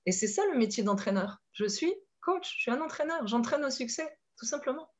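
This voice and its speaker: A woman with a French accent talks as a life coach, lively and expressive, often laughing between her points. Her voice sits a little high. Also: brisk, background noise. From France. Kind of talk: conversational talk with metaphors.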